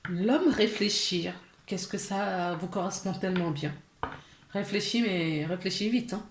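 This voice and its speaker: A woman's voice: mid-range voice, a little slow, roomy sound, a little hiss or hum. A woman giving a casual tarot reading to her viewers, chatty, with many fillers, restarts and small laughs. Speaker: tarot card reader.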